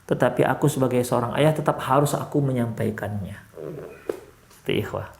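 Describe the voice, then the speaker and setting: A male Islamic preacher from Indonesia with a Medan accent, giving a sermon in a mosque. He talks in an animated way, climbing sharply for emphasis and then dropping low and soft. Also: brisk, gravelly, slight background noise. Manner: animated, rises sharply in pitch for emphasis, drops low and soft when counselling.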